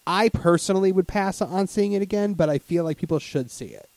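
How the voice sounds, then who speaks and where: A man co-hosting a casual movie review podcast, animated and crude-humored, often searching for words. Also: high-pitched, a little fast, no room sound. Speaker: podcast co-host.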